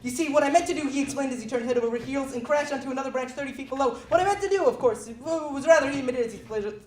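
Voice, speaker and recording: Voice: high voice, very fast, darkish tone, lightly acted. A reader voicing a good-natured bear who loves honey and muses to himself. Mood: flustered. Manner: musing, talks to himself. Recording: echoey room, voice from far off.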